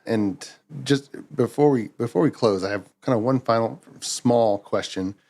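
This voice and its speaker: Male podcast host, mid-pitched, easygoing interviewer. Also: moderate pace, darkish tone. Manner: conversational, asks questions. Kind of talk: casual interview talk.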